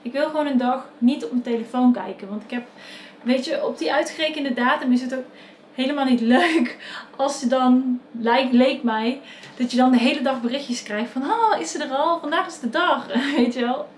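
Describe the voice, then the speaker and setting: A woman's voice: high voice, moderate pace, a little hiss or hum. A young woman with a Dutch accent, casually telling a personal story to the camera, chatty and full of fillers and self-corrections. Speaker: vlogger telling her birth story.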